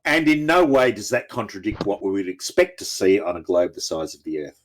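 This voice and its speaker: A man with a fairly low voice argues in a heated informal debate. He is combative and taunting, circling back to the same accusations. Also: sing-song, fairly quick, a little hiss or hum.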